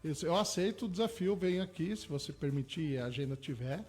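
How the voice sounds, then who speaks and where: High-voiced man, eager radio guest. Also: expressive, fast talker, darkish tone, faint music behind. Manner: eager, explains with everyday examples. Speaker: hypnotherapist guest. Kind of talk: radio interview. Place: radio studio.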